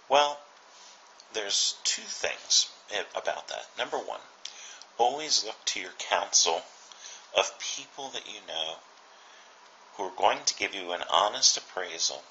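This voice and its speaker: A middle-aged man delivers a reflective daily motivational message in an unhurried, earnest way, pausing often. His voice sits very low yet comes across bright and forceful. A faint hiss of room ambience runs underneath. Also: lo-fi sound. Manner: earnest, unhurried, with many fillers and pauses.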